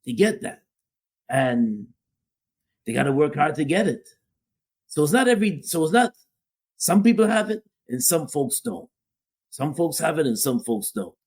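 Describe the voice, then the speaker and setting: A podcast co-host whose family is from Guyana talks casually about relationships, giving his opinions and repeating phrases for emphasis. His fairly high voice is very animated at a normal speed, with long pauses, a darkish tone, and a breathy edge.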